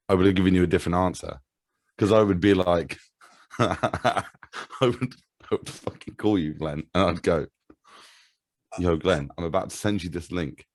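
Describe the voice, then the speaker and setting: Male comedian guest from England, low voice, excitable and foul-mouthed. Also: moderate pace. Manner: animated, sweary, rambling. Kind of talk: casual comedic chat.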